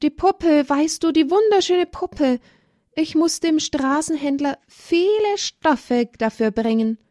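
A woman voicing an eager little village girl in a children's story, high and pleading. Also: animated, takes it slowly, darkish tone, dry recording, studio quality.

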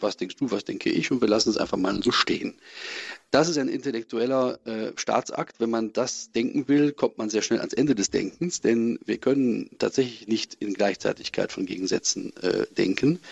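Male priest guest, low husky gravelly voice, measured and halting, dull lo-fi recording. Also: no room sound. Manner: measured, thoughtful, frequent hesitations. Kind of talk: spoken sermon commentary and interview answers. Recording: dull lo-fi sound.

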